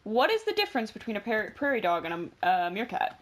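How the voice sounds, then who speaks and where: Lively, rambling teenage girl. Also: on the high side, quick pace. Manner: rambling, self-correcting, jokey. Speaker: podcast co-host. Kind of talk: casual chat.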